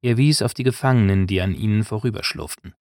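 Man narrating a fantasy audiobook, lowish voice, dry close mic. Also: fast, darkish tone, no room sound. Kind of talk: scripted narration.

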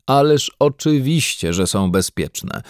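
A man's voice: mid-range voice, lively intonation, takes it slowly, darkish tone, no room sound, studio quality, voice pushed up. A man voicing a confident, bossy family father in an audiobook reading, hearty and commanding. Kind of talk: audiobook character voice.

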